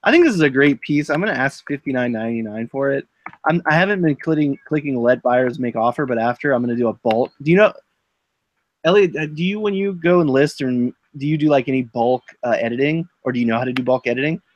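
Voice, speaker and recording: A man in his thirties chatting away on a live selling stream, his voice sitting at a middling pitch. He rambles freely, piling up fillers and restarting his sentences as he tells stories. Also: animated, fast, highs cut off. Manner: rambling storyteller, full of "like" and restarts. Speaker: host of a live eBay listing stream. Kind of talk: casual live-stream chat.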